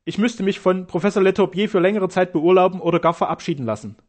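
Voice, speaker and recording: A man's voice: high voice, quick pace, a little mellow, pitched above the performer's own voice. A man doing a proud, composed doctor. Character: proud German doctor, calm and dignified.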